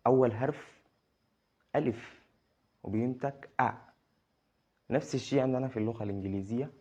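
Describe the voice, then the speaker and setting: A man teaching English letter sounds to beginners, spelling them out slowly and repeating each sound. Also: fairly low pitch, a little mellow. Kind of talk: beginner pronunciation lesson. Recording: dull lo-fi sound.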